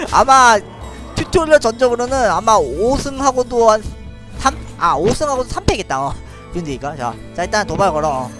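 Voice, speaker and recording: A man streaming a card game live, thinking aloud about his moves and laughing often as he chats with viewers. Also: a little high. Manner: chatty, thinks aloud, frequent little laughs. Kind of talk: live gameplay commentary.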